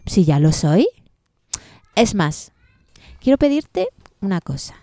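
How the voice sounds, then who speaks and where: A woman's voice: lowish voice, sing-song, slow, dark tone, no echo. A woman storyteller voicing a bored, snooty teenage girl who talks in a sullen, dismissive, slangy way. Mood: scornful.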